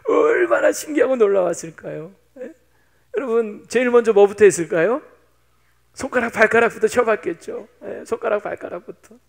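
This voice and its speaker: Man, 50s, pastor, sermon, chatty, teasing, high pitch, gravelly. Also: expressive, moderate pace. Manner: chatty, playful, teasing the congregation.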